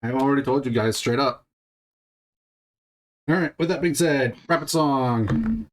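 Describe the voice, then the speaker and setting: A man's voice: medium pitch, animated, unhurried, slight background noise. Man patiently running a tabletop game. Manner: explains rules patiently, thinking aloud with restarts. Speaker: game master.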